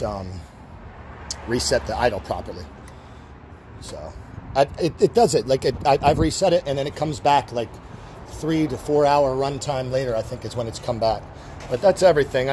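Rambling middle-aged man, noisy outdoors. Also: medium pitch. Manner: rambling, with restarts and fillers. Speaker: seller showing a machine. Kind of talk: casual walkthrough.

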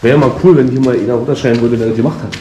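A man's voice: medium pitch, steady tone, very fast, lo-fi sound. A man chatting casually and slangily while exploring an empty building, addressing his viewers as a vlogger. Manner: colloquial, slangy. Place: inside an empty concrete apartment block. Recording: echoey empty rooms, clear handling noise.

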